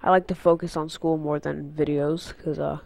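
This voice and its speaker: The voice is a fairly high, flat male one with vocal fry and a slightly mellow quality, at a moderate pace, recorded dry. A teenage gaming channel host with a cold-stuffed nose rambles casually through a channel update on a headset mic unfamiliar to him, filling it with fillers and tangents.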